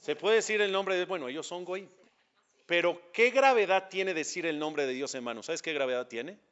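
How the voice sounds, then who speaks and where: Emphatic Mexican rabbi teaching a class. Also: male voice, high voice, expressive, normal speed, fairly bright tone, clear, resonant tone, dull audio. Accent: Mexican Spanish. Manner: emphatic, questions his listeners directly.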